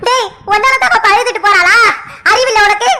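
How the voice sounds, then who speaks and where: A woman voicing a fussing village mother, very high and bright. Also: steady tone, fast talker. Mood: worried. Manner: scolding, fussing, exclamatory. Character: fretful village mother, middle-aged woman. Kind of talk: cartoon voice acting.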